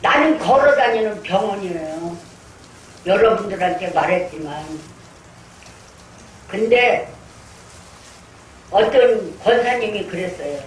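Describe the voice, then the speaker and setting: Slow-speaking older woman pastor, echoey. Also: mid-range voice, lively intonation. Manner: earnest storytelling, acting out her own prayers. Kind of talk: sermon with personal testimony. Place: church sanctuary. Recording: echoey room, distant mic, faint noise.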